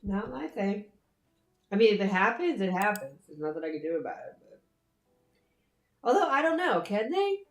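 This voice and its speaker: A woman with a hoarse, scratchy throat chatting casually and bluntly on a livestream, swearing freely and rambling. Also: mid-range voice, sing-song, moderate pace, pauses often, reverberant. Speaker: co-host on a livestream. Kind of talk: casual chat.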